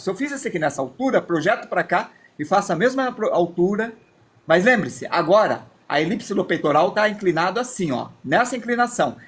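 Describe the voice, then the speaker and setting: A man, teaching a live drawing lesson and chatting as he thinks aloud while he draws. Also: high-pitched.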